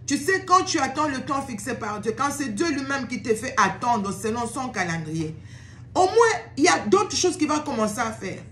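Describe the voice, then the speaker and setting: A woman preacher delivers an informal sermon to camera, pressing her point by repeating words. Her voice sits fairly high and bounces around an echoey room. A faint hum of ambience hangs behind her. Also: very animated, moderate pace, a bit bright. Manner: exhorting, repeats words, slips into English phrases.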